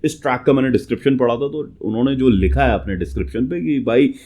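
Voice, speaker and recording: A man's voice: mid-range voice, quick pace, mellow. A young man co-hosting a rap reaction channel, chatting casually in Hindi and English and praising the lyrics and rhythm.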